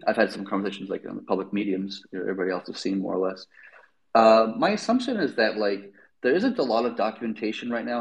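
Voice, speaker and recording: A man's voice: lowish voice, low-quality recording. A man hosting a casual tech discussion, explaining things in an informal, rambling way with lots of verbal hedging. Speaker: host.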